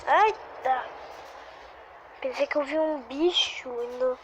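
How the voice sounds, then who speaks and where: A woman talks through her gameplay in a high voice, breaking into little cries and sighs as things happen. She speaks in an unhurried way despite the excitement, and the home recording carries a clear layer of background noise. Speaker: gaming video creator. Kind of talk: live gameplay commentary.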